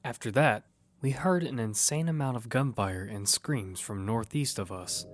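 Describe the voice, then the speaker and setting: An actor plays a wary young man in a battle-survival audio drama, delivering tense first-person narration and lines of dialogue. His medium-pitched voice moves at a normal speed and is only lightly acted. Music plays behind him, along with a little hiss or hum.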